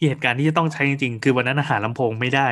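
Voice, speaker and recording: A man hosting a casual tech podcast, telling stories in an animated way and swearing casually. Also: mid-range voice, rapid-fire.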